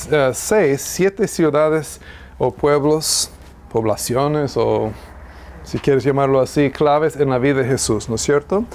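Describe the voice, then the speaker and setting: A man's voice: medium pitch, a little mellow, a little hiss or hum. A man teaching a classroom Bible lesson, thinking aloud, correcting himself and asking the class questions.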